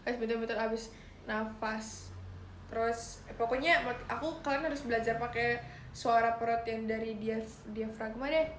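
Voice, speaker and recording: A young woman with a fairly high voice, fairly even intonation, and a moderate pace hosts a casual idol livestream from her phone. She chats playfully, calls her viewers guys, gives singing tips, and sings short demo lines. The room echoes, with faint background noise.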